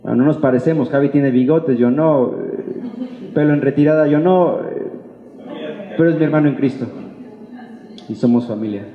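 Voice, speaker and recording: At a normal speed with frequent pauses, this slightly high-voiced pastor addresses his church congregation in a Mexican Spanish accent. His informal sermon is colloquial and playful, with imagined remarks acted out and plenty of rhetorical questions. Long reverb from the reverberant church hall makes the recording echoey and dull.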